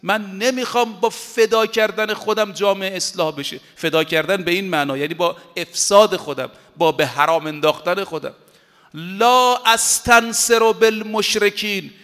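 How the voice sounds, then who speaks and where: A male preacher gives a sermon with emphatic conviction, his high voice bright and forceful. He recites Arabic quotations slowly and deliberately, word by word, and a long reverb makes it sound like a large hall.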